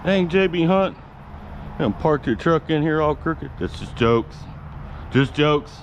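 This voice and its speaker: A man's voice: a little high, lively intonation, unhurried. Casual slangy man vlogging over outdoor noise. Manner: laid-back, swearing, slangy, addresses viewers as y'all. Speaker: YouTube vlogger. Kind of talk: casual rambling talk to camera. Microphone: action camera clipped to his hat. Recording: clear outdoor and vehicle background noise.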